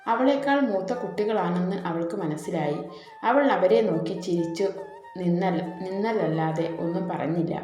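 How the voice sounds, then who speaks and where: A woman narrating a story in a gentle, even voice, reading the characters' lines without changing her voice. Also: on the low side, normal speed. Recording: echoey room, soft background music.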